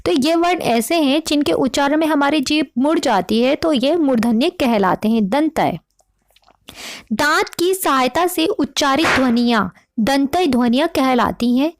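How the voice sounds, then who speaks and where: A woman teacher explaining a lesson slowly and sounding out each sound she demonstrates. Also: high-pitched, animated, dry recording, clean studio sound. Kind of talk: explaining to students.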